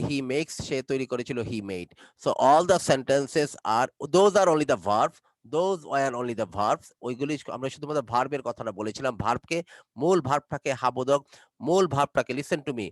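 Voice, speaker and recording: A man's voice: medium pitch, no echo, rough recording. A man with a Bangladeshi accent, a native Bengali speaker, giving instructions in an online English class, switching between English and Bengali and repeating his instructions. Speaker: English teacher.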